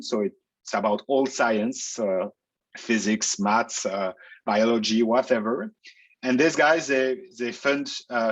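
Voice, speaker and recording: Speaking as a researcher guest over a video call, a Belgian-raised man answers interview questions casually and hesitantly, with plenty of fillers and restarts. He has a mid-range voice, and the recording quality is low.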